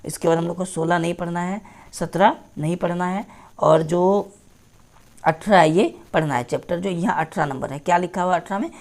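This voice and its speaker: A woman's voice: on the low side, moderate pace, darkish tone. Woman teacher reading a syllabus aloud. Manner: repetitive, checks in with "theek hai". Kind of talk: screen-share syllabus walkthrough.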